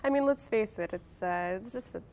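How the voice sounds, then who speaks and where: With a little hiss or hum in the background, a late-twenties woman speaks briskly in a mid-range, slightly mellow voice. She's an author and blogger appearing as an interview guest, chatting casually in a wry, self-deprecating way.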